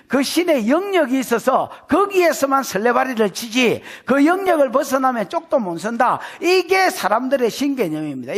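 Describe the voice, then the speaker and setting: Male pastor, Gyeongsang accent, very high voice with swooping pitch, playful and animated sermon delivery at a church service. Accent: Gyeongsang Korean. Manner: animated, folksy, teasing, acts out scenes. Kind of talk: expository sermon.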